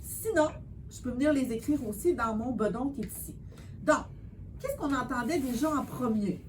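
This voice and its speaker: A woman tutoring a child in spelling, patient and encouraging, sounding out words slowly. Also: high-pitched, animated, a little mellow, slight background noise. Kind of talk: one-on-one spelling lesson.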